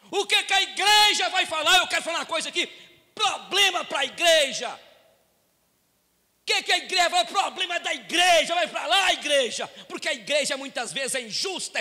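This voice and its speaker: A man with a Brazilian accent preaching a sermon in a church, dropping low and quiet to tell stories, then rising to loud shouted appeals. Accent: Brazilian Portuguese. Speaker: pastor. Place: church hall with long reverb. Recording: echoey church hall.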